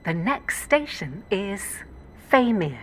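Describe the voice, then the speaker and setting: A woman's voice: very animated, slow. A woman's automated onboard train announcement, spliced together from separately recorded words with clipped station names dropped into set phrases. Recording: loud train noise behind the announcement. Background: rumbling moving train.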